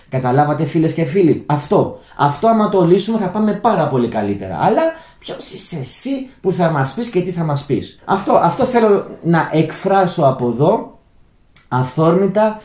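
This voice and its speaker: Greek man, lively rambling host, dark voice, echoey room. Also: high voice. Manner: rambling, many restarts, addresses "friends". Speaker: channel host. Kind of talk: unscripted monologue to viewers. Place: Germany, indoor room.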